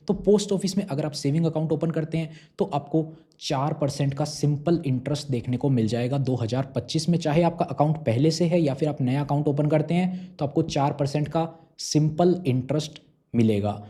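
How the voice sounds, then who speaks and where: A man's voice: fairly high pitch, dark tone. A young adult man hosting a finance explainer, going step by step and asking and answering his own questions. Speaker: finance YouTuber explaining savings schemes. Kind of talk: explainer talk to camera.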